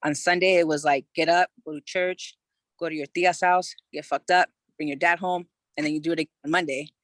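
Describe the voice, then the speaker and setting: A woman's voice: deep voice, steady tone, fairly quick, dry recording. A woman in her thirties from California, a podcast guest telling her own story in a loose, frank way, full of "you know" fillers and casual swearing. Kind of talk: candid personal storytelling in conversation.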